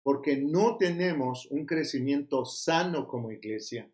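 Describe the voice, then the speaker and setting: A middle-aged Mexican pastor preaching a sermon, scolding and emphatic, firing rhetorical questions at the congregation. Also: male voice, a little high, expressive, unhurried, darkish tone. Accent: Mexican Spanish.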